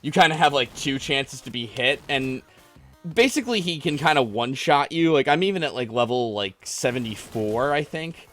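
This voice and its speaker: Hosting a laid-back call-in stream, a man jokes and play-argues with callers about video games, cursing freely. His mid-range voice is animated and fairly bright, at a moderate pace, with faint music playing behind him.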